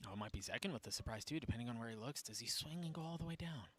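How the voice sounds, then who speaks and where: A man's voice: mid-range voice, expressive, racing, fairly bright tone, breathy edge. A man doing esports caster play-by-play on a live match, his voice rising sharply with the action.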